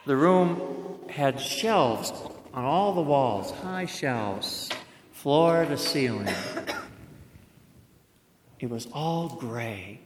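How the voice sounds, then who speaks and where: A man preaching a sermon, telling a story in a plain-spoken way and slowing down to stress words. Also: mid-range voice, expressive, slight background noise. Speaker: pastor. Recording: echoey hall.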